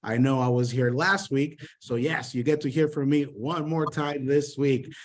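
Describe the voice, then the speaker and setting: A man from Honduras gives an upbeat sales training over an online call, his pitch sitting in the ordinary middle range. He talks with many fillers and repeats his words, eager and encouraging. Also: fairly even intonation, normal speed, a little hiss or hum. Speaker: sales trainer, guest mentor.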